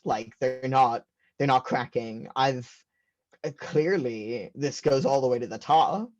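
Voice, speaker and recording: A man's voice: mid-range voice, a little slow, a little mellow, close to an everyday voice. A man voicing a nosy young man who awkwardly fishes for answers about a family secret, on a slightly dull recording. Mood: scheming. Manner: awkward, fishing casually for answers.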